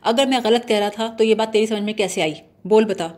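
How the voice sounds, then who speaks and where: A woman's voice: medium pitch, steady tone, a little mellow, lightly acted. A woman reading the part of a bumbling, mock-serious young man who blusters and lectures pompously. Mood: lecturing.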